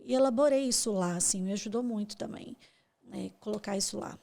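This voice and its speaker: A Brazilian woman telling a personal story as a podcast guest, soft-spoken and halting, with repeated words. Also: mid-range voice, creaky. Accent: Brazilian Portuguese.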